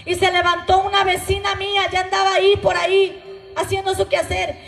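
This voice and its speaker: A woman's voice: very high voice, little pitch movement, brisk, creaky, fairly bright tone, reverberant, soft background music. A woman with a Mexican Spanish accent telling an emotional, earnest testimony to a church congregation. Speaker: testimony speaker at a church gathering. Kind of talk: spoken testimony.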